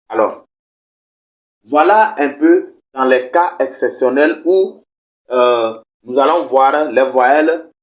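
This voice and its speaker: A man teaching a language lesson on video, speaking patiently, repeating words and checking that viewers follow. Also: mid-range voice. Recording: slightly dull, lo-fi recording.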